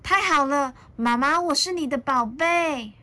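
A woman voicing a young boy dinosaur who is hotheaded and sweet, with high, excited squeals. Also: moderate pace. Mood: cheerful.

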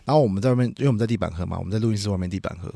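A young man with a Taiwanese Mandarin accent tells a story at a rapid clip in a fairly low voice. He is animated and laughs often, acting out the people in his tale. His voice is close and dry on a studio mic. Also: creaky, no echo. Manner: animated, laughing storyteller who acts out quotes. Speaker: podcast host. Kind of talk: casual storytelling chat. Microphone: studio microphone.

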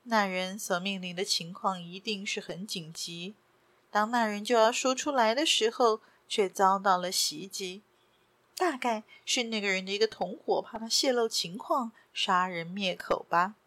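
A woman reading a story aloud in steady scripted narration. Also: mid-range voice, moderate pace, no echo. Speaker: audiobook narrator.

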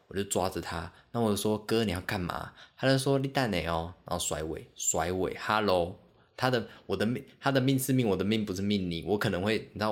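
Deep-voiced man telling stories. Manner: animated, self-mocking, many fillers. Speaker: podcast host. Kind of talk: casual solo storytelling.

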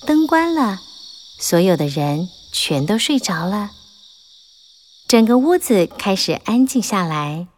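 In a medium-pitched voice, a woman reads a children's audiobook, telling the story in a gentle, expressive way.

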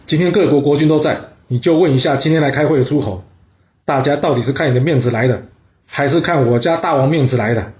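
A man's voice: medium pitch, quick pace, darkish tone, reverberant, natural voice. A man voicing a brusque, aggressive ancient minister who scolds curtly, in a storytelling reading on a dull lo-fi recording. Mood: scolding. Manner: curt, scolding.

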